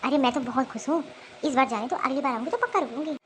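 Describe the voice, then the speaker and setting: A cheerful middle-aged aunt. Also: female voice, high voice, lively intonation, fast, slight background noise, poor audio. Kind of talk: animated cartoon voice acting.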